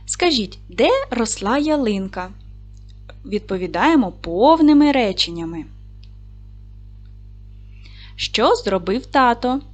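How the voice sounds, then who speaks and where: A woman teaching a recorded primary school lesson, patiently asking questions and slowly spelling out sounds and syllables. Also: on the high side, lively intonation. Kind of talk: recorded video lesson for children.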